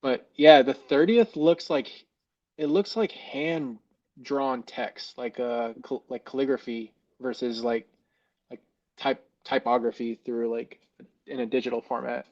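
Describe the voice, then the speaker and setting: A man's voice: mid-range voice, a little slow, a little mellow. A man co-hosting a casual chat in a rambling way, his voice hollow and muffled as if inside a fishbowl, recorded through a mic plugged into a phone. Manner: rambling, loose, heavy on "like" fillers. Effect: hollow muffled fishbowl sound. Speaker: co-host. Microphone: external mic plugged into a phone.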